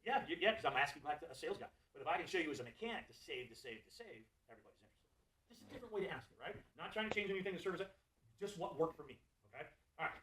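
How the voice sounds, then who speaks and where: A Florida man leads a live sales and service training for a room of technicians, speaking rapid-fire in a slightly high voice. He's animated and jokey, quizzing people in the audience. The audio is poor, with a slight hiss or hum.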